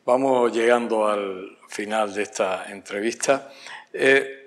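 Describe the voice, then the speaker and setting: A man's voice: fairly low pitch, slow. Male interviewer in a reverberant room. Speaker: interview host. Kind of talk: interview questions.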